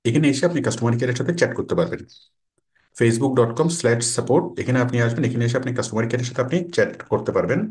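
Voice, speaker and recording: A man's voice: mid-range voice, a little mellow. A man teaching a screen-recorded tutorial, explaining step by step and reading out English menu labels. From Bangladesh. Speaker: online course instructor.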